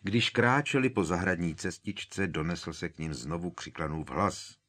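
Deep-voiced guy narrating an audiobook, measured and steady. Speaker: audiobook reader. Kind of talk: scripted narration.

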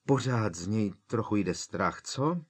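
A man voicing a nervous schoolgirl witch, pitching his voice up anxiously. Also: animated, slightly rough.

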